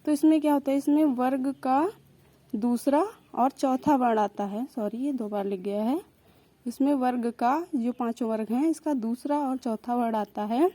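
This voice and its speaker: A woman's voice: high voice, warm tone, no echo. A young woman teaching an exam-prep lesson, patiently repeating and sounding out each consonant. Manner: repeats and spells out sounds slowly, explaining patiently.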